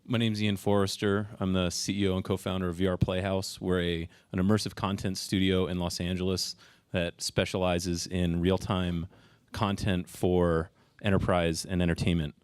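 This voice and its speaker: A man, a studio CEO, introducing himself on a conference panel in a steady, businesslike way. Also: deep voice, normal speed, smooth, no echo.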